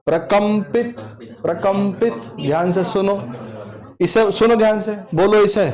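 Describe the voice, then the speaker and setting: A man's voice: high voice, a little mellow. A man teaching an exam-prep language class, drilling students by repeating questions and answers aloud. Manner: slow, emphatic explanation. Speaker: Hindi teacher.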